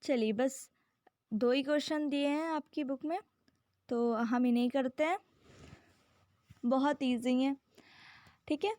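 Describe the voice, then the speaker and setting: A woman's voice: sits high, mellow, no room sound, studio quality. A woman teacher explaining rhyming words in a poem, patient and repetitive, checking in with "okay" again and again. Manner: slow, patient, repeats words and "ठीक है" often; reads English definitions very slowly. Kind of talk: classroom-style lesson explaining a poem.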